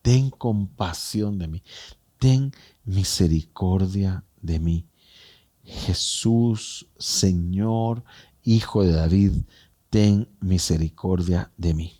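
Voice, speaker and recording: A man's voice: deep voice, extremely slow, warm tone, voice pushed down, heavily acted. A male preacher voicing a desperate blind male beggar calling out for mercy in a sermon. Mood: pleading.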